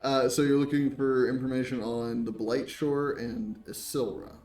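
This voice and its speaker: A man narrating as game master in a relaxed, laughing way. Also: mid-range voice, moderate pace, faint music behind. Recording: echoey room, mic far off.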